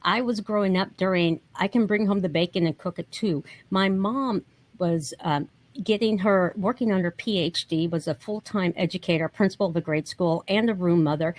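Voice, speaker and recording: A woman's voice: lowish voice, normal speed. A woman around fifty speaking bluntly and emphatically as a panelist in a casual online discussion.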